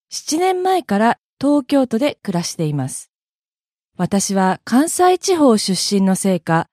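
Young woman, audio blogger, polite measured reading, mellow tone, dry close sound. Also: medium pitch, no room sound. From Kobe, Japan. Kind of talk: scripted self-introduction.

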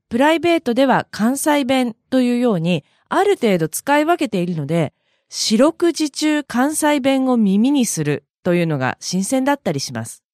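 A woman from Kansai, Japan, hosting an audio blog and explaining language points in a measured, scripted reading. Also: sits high, darkish tone, no room sound, clean studio sound. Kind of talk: scripted narration.

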